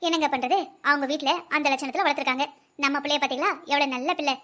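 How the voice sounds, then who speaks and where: A fussy older wife and grandmother in a cartoon, voiced by a woman, speaking high and fast with a South Tamil Nadu accent. She pleads with and bosses her husband around in a rapid patter. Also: steady tone, pushed and bright. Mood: pleading. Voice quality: pleading, busy, bossy. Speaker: voice actor in a family cartoon. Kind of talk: cartoon family comedy acting.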